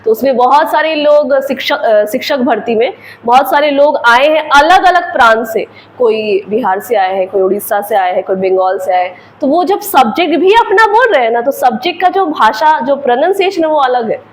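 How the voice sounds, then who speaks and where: A woman's voice: high-pitched, lively intonation, moderate pace, hardly any pauses, rough recording. A woman English teacher with an Indian accent, explaining grammar in a patient classroom lecture with repeated examples.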